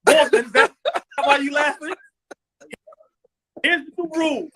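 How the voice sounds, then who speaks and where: Loud high-voiced man trash-talking. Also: unhurried, background noise. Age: 40s. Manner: loud, teasing, repeats himself. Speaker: livestream podcast host. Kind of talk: casual sports trash talk.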